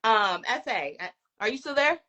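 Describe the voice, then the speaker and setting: Bright-voiced woman reading viewer comments. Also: on the high side, lively intonation, no room sound, muffled recording. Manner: reads comments aloud with quick laughs and asides. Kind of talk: casual live-stream chat.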